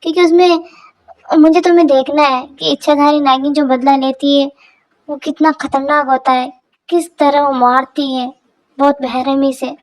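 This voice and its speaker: A playful young brother-in-law in a fan dub drama, nosy and full of wisecracks about the fight, as a woman voices him. He sounds high for a man. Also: flat delivery, normal speed, lightly acted. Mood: mocking. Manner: wisecracking asides.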